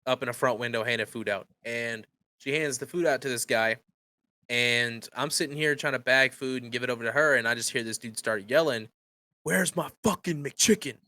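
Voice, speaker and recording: Animated storytelling man, dry sound. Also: medium pitch, a little fast, dry recording. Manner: animated storyteller, acts out angry customers. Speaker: podcast co-host. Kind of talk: casual chat.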